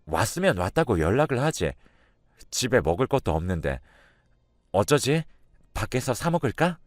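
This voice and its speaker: A man's voice: medium pitch, very animated, normal speed, no room sound, clean studio sound, natural voice. A man voicing a young wife in a storybook tale, speaking in a whiny, hurt and defensive way. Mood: flustered.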